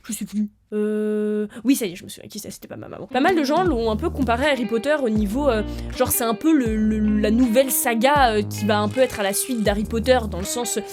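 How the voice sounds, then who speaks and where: A young woman chats to camera about books, excitable and full of fillers and restarts. Her voice sits a little high. Soft music plays quietly behind her. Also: brisk, few pauses. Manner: chatty and excitable, with many fillers. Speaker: book vlogger. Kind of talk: casual chat to camera.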